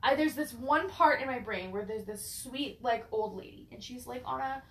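Roomy-sounding woman, high-ish casual chat. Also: moderate pace, a bit bright. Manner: swears freely, stammers and restarts. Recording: roomy echo.

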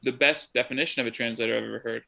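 Calling in remotely from home, this young translator from the American Midwest is a guest in a casual, chatty interview. He speaks at a racing clip in a medium pitch with fairly even intonation, his tone bright and forward over a creaky, gravelly edge. His answers wander thoughtfully, full of ums and false starts as he works things out aloud.

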